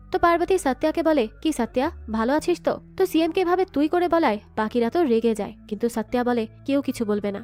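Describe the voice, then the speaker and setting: A woman's voice: high voice, a little mellow. A woman narrating a movie recap in a scripted style, reading the characters' lines aloud herself with a slightly lifted voice. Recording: background music.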